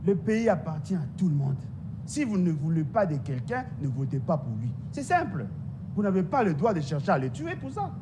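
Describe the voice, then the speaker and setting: A man with a Congolese French accent argues hard in a political debate, hammering his points again and again. His voice sits a little high for a man. The audio is noisy, with a low rumble behind him. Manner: emphatic, repetitive, insistent. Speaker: political guest.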